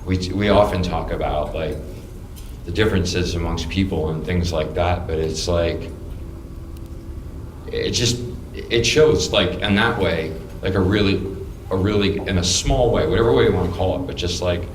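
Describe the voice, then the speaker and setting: At a public talk in an art gallery, a deep-voiced American audience member from New York offers casual, rambling remarks to the panel. He speaks haltingly and heartfelt, repeating words, in a roomy, noisy room.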